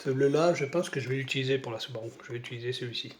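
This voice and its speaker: A man's voice: mid-range voice, very fast, a little hiss or hum. A French-speaking man unboxing model paints in a casual video, talking through a stuffy nose from a cold, hesitant with many fillers. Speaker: model-kit hobby vlogger.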